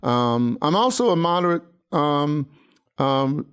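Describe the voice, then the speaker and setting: A man in his sixties, a pastor hosting a podcast, speaking earnestly in a halting way with many fillers and restarts. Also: on the high side, expressive, fairly bright tone, clean tone. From United States. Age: 60s. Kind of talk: personal commentary monologue.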